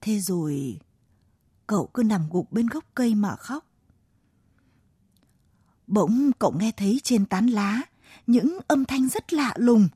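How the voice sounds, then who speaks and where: Slow gentle woman telling a children's story. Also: mid-range voice, expressive, slightly rough, no echo. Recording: dry close mic, faint music behind.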